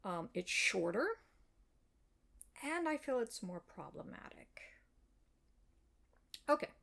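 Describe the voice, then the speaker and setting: An American woman, an author, calmly replies to a reader's comment in a measured, explanatory way with frequent fillers. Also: mid-range voice, creaky. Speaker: web fiction author. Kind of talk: reply video addressing a reader's comment.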